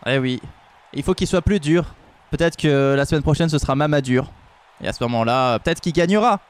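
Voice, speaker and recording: A man's voice: fairly high pitch, fairly quick, smooth. A man hosting a live stream and commentating fights with jokey, mock-serious banter. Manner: jokey, mock-serious, rises into excited calls. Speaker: host and commentator.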